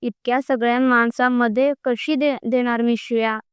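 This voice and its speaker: A woman's voice: on the high side, flat delivery, normal speed, clean tone, no room sound, clean studio sound, lightly acted. A woman voicing a shy, timid young woman who speaks hesitantly in a storybook reading. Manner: hesitant, fearful.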